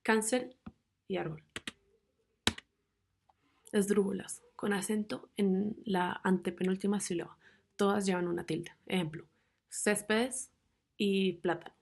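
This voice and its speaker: A young woman narrates a class presentation on grammar rules. Her mid-pitched voice has a light gravelly fry, and she reads through rules and example words in a measured, steady way. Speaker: student presenter.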